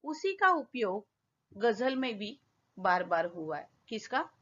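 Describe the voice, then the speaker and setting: A woman teacher slowly explaining a poem in a school lesson, asking her pupils questions as she goes. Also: fairly high pitch, sing-song, a bit bright. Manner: slow, patient classroom explaining with questions to pupils. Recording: dull lo-fi recording.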